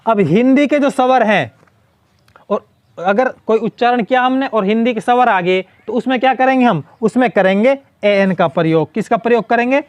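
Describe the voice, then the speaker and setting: A man's voice: very high voice, normal speed, dry recording. A male teacher explaining English grammar in Hindi, asking a question and then answering it himself, repeating the key word.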